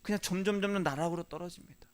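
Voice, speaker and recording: Male pastor, high-pitched, sermon delivery that shifts between hushed and forceful lines. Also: rapid-fire. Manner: rhetorical questions to the congregation, swings from soft to emphatic.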